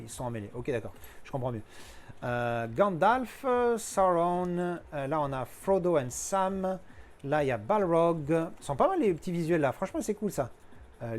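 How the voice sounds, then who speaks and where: A man showing off his collector purchases in a casual unboxing chat, slangy and thinking aloud as he goes. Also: on the high side.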